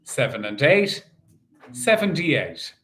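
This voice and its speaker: Slow, sing-song male bingo caller. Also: fairly high pitch, big pitch swings, a bit bright, faint music behind. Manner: measured, sing-song repetition of each number. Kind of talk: bingo calling, numbers chanted in set phrases.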